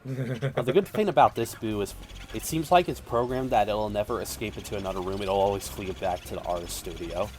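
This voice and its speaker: A man's voice: lowish voice, fairly quick, darkish tone, a little hiss or hum. A man chatting about a video game with friends, matter-of-fact and informative. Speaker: let's play commentator. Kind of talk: casual gaming commentary.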